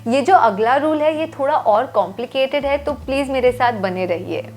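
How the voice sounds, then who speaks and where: A woman teaching English grammar rules in a clear, step-by-step way. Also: sits high, animated, moderate pace, darkish tone. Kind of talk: scripted lesson voice-over. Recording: faint music behind.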